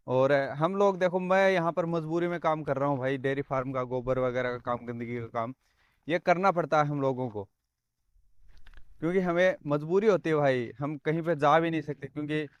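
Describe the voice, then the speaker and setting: A man's voice: a little high, clear, resonant tone, no room sound. A young man from Rajasthan, talking earnestly in a casual vlog and often calling the viewer "brother". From Rajasthan, India. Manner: earnest, repeats phrases, says "bhai" often. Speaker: vlogger.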